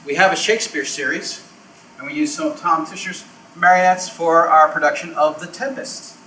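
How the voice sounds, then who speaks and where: With a slightly high, pushed and bright voice, the puppeteer keeps a fairly even intonation and moderate pace as he improvises a casual show-and-tell. His phrasing is theatrical and emphatic, echoing through the theater's backstage and storage rooms on a distant, noisy recording.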